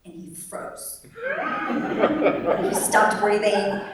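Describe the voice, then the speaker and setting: A young adult woman, born in Vietnam and raised in the United States, telling a personal story on stage with wry humor and animated quoted voices. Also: mid-range voice, extremely slow, very noisy. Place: large echoey venue at a live event. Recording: echoey hall, distant mic.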